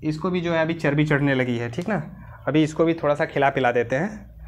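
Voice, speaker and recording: Indian male biology tutor, casual lecture, dictates notes slowly. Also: on the high side. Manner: chatty, calls students "beta", slows right down to dictate English. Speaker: biology teacher.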